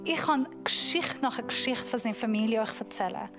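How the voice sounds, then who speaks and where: A woman pastor giving a sermon, preaching emphatically and slowing down to stress key points. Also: a little high. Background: music.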